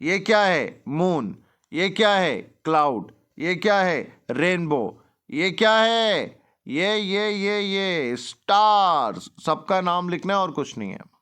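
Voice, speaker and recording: Man, Indian accent, tutor, high voice, smooth and crisp, repeats words, asks questions. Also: big pitch swings, a bit bright. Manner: explains in Hindi and reads English lines slowly. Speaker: English tutor. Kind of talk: worksheet lesson for young children.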